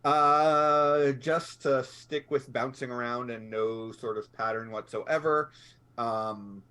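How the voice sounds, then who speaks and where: A man's voice: medium pitch, fairly even intonation, slow pace, pushed and bright, smooth. A man hosting a casual group chat and handing over to the players. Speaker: host.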